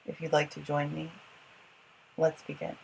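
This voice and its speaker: A yoga instructor giving slow guided breathing instruction in measured, short phrases with pauses between them. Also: medium pitch, monotone, gravelly, slight background noise, poor audio.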